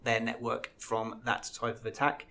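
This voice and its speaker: A man appearing as a podcast guest, explaining his security work in a measured way with some fillers. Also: medium pitch, monotone, creaky, pushed and bright.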